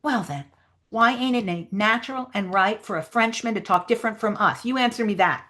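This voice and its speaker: Woman reading as a cocky kid explaining stuff, high and bright. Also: fairly quick, natural voice. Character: cocky boy lecturing a friend. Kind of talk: reading aloud a novel dialogue.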